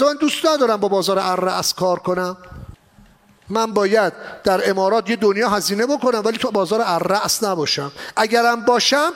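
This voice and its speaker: A man giving an animated seminar lecture on exporting, asking rhetorical questions and mixing in English phrases. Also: high voice. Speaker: export trainer. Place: exhibition hall.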